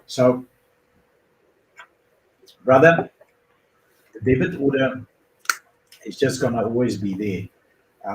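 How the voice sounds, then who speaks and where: A man from Bulgaria with a darkish, low-side voice hosts a car dealer's Q&A for viewers, working through answers step by step. He keeps the advice casual and conversational, with fillers. A little hiss or hum comes through along with a roomy echo and faint ambience.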